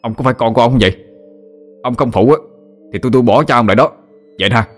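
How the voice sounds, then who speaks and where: A man voicing a hot-tempered young male ambulance driver who scolds and shouts in exasperation. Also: lowish voice, fairly even intonation, very fast, faint music behind, natural voice. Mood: furious.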